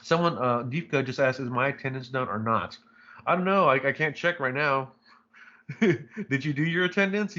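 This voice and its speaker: Over lo-fi audio, a man's medium-pitched voice comes across pushed and bright. As a chemistry instructor lecturing live online, he talks casually and rambles, leaning on fillers and checking in with "right?" again and again.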